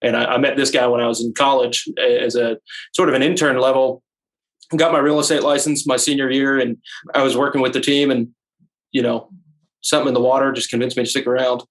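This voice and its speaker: Young male guest from the Houston area, mid-pitched voice, casual conversational answers. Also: little pitch movement, a little fast, rough recording. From Houston area, Texas. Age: young adult. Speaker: guest, real estate broker. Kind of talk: casual interview chat.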